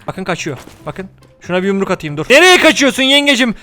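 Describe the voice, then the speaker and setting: An excitable young man gives running commentary on a game, addressing his viewers and cursing at things on screen for fun. His voice sits high, and he rattles along at a quick clip. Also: faint music behind. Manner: excitable, swears jokingly, talks to viewers. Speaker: gaming video creator.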